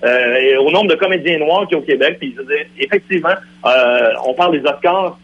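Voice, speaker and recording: Heard over a lo-fi radio broadcast with slight background noise, a man with a Quebec French accent argues insistently as a guest in a heated debate. His voice is a little high and a bit bright, and he talks briskly.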